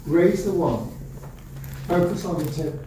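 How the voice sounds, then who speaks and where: A man performing as a ceremonious wandmaker in a theme park shop, speaking slowly and instructively. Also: fairly high pitch, expressive, slight background noise. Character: solemn old-world wandmaker, theatrical male. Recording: echoey room with loud music, from far. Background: loud music.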